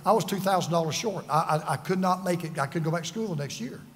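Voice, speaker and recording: Speaking quickly in a high-sitting voice, a man over fifty preaches a sermon as a pastor. He is earnest and emphatic and pokes fun at himself through personal stories, with a large hall's long reverb behind him.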